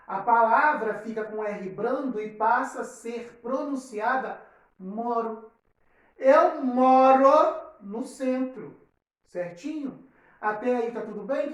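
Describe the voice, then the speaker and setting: Slow, patient woman teacher in a roomy space. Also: a little high, darkish tone. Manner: slow, deliberate, spells out example words and checks understanding often. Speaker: primary school teacher. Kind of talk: recorded online lesson. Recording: roomy, echoey recording.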